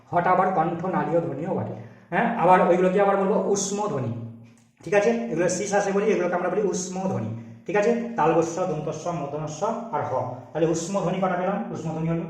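A man's voice: fairly high pitch, distant mic. A man teaching a grammar lesson, explaining step by step and asking and answering his own questions. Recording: very echoey room, off-mic.

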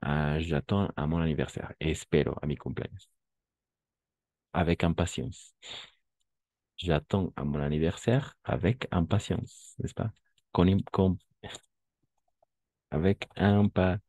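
A man's voice: low voice, slow pace, long pauses, darkish tone, dry recording. A man teaching a French lesson, patiently explaining and switching between French and Spanish. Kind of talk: online language lesson.

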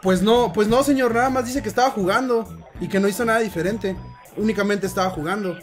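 A young man with a high voice talks fast on a prank call, acting the part of a concerned father in a polite, hesitant way. He's indoors in a room at home, and soft music plays behind him.

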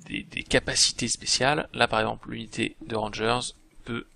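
A man's voice: mid-range voice, steady tone, moderate pace, gravelly, bright, forceful tone. A man giving casual commentary over a strategy game, thinking aloud with frequent hesitations. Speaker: game video host.

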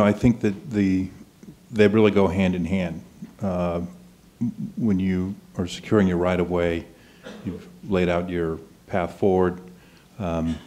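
A man answering questions at a public meeting, his voice very deep and dark. He explains plainly and evenly, with little movement in his tone.

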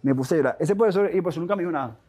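A Venezuelan man in his young adult years tells his story at a rapid clip, his voice sitting fairly high. He restarts sentences, drops slang and talks with animated feeling as an interview guest. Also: breathy edge, faint music behind. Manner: animated, fast-talking, with frequent restarts and slang.

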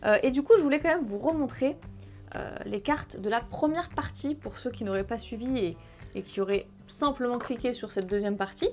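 A young woman chatting casually while opening trading card packs, breaking into excited exclamations. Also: fairly high pitch, moderate pace, soft background music. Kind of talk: casual excited unboxing chat.

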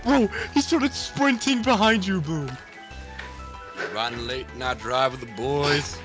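A man's voice: fairly high pitch, slow. A man trading casual, slangy banter with friends while playing a video game. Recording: music behind the voice.

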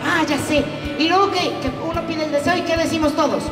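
Mexican woman comic-host, high voice, punchy live stand-up in a roomy hall. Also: fast talker, distant mic, music in the background, crowd noise. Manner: high-energy, audience-teasing delivery. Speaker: comedy show host and stand-up comedian. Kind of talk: stand-up comedy routine. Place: live comedy venue with an audience.

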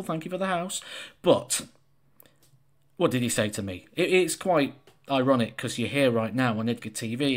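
Thirties male vlogger, chatty solo talk to camera, slips into quoted asides, close webcam in a small room. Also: mid-range voice. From England. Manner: chatty and anecdotal, acts out players' remarks in quotes. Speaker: professional darts player and channel host. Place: small indoor room with a brick-pattern wall.

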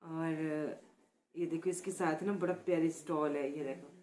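A woman from Himachal Pradesh chats softly and warmly to her viewers in a casual vlog, piling on praise for each thing she shows. Her voice sits a little low, and she keeps her talk quiet and close. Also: steady tone, a little slow. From Himachal Pradesh, India. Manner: chatty and affectionate, repeats words of praise; speaks softly, close to the mic. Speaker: vlogger. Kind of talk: casual vlog, showing gifts.

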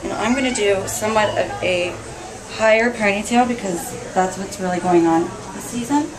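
A woman's voice: mid-range voice, moderate pace, noisy background. Young woman stylist talking through a hairdo. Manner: casual, step-by-step, talking while working on her own hair. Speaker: hair stylist. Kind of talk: hairstyling tutorial. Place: indoor hair salon.

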